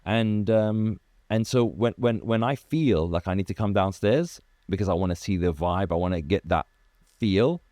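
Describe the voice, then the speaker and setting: Brief: low, mellow male founder, animated storyteller, dry close sound. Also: normal speed, no room sound. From Iraq. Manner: animated storyteller, acts out quoted dialogue, many restarts. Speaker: car detailing business founder, guest. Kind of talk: casual interview chat.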